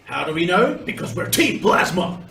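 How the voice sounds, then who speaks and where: A man's voice: high voice, big pitch swings, moderate pace, vocal fry, sharp tone, exaggerated voice. A man voicing a brash, threatening villain grunt from a video game in a bossy, declamatory way. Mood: menacing, bossy. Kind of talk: amateur voice-over of a video game. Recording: roomy, distant mic under game music.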